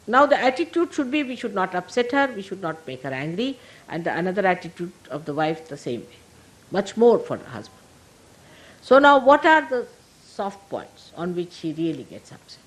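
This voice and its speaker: A woman's voice: mid-range voice, low-quality recording. A woman giving an informal, humorous spiritual talk to her followers, with frequent conversational asides like "see?". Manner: warm humorous asides to the audience; conversational, often asks "see?". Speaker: spiritual teacher.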